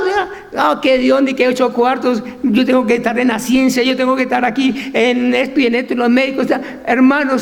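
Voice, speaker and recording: Male pastor preaching hard, really high gravelly voice, lots of hall echo. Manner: fervent preaching, acts out Bible voices, rhetorical questions. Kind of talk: sermon.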